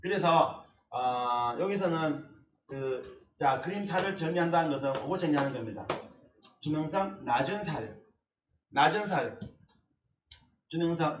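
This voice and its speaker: A male essay-writing instructor teaching at a blackboard in a classroom, emphatic and given to repeating key words. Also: on the high side. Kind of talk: blackboard lecture. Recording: echoey classroom, distant mic, faint noise.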